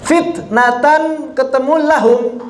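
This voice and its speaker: A man teaches Quran recitation, explaining each rule and then sounding out phrases slowly for his students to copy. His voice sits high and his pace is unhurried. The room around him is echoey. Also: fairly even intonation. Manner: drills slow example phrases for students to repeat; corrective, explains then demonstrates. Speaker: tajwid teacher.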